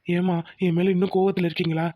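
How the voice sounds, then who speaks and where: Woman voicing a quick-talking cartoon husband, firm and bossy-kind, dull lo-fi sound. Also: lowish voice, little pitch movement, lightly acted. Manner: firm, lecturing, reassuring. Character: young husband, firm and protective.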